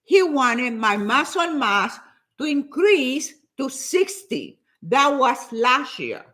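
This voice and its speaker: Talking fitness with her viewers in a relaxed, lively way, this Spanish-speaking woman in her seventies often repeats words. Her voice sits high, and she remarks on how fast she talks.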